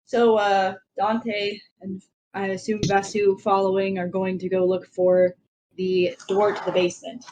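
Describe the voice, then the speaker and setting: A woman's voice: medium pitch, flat delivery, measured pace, darkish tone, muffled recording, a little hiss or hum. A woman player in a tabletop game, chatting casually and thinking aloud about her moves. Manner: easygoing, thinks aloud while planning moves.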